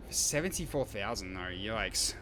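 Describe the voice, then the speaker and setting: Lively man thinking aloud over gameplay. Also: fairly low pitch, background noise. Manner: chatty, thinking aloud, quick to laugh. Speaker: streamer. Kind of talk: casual gameplay commentary.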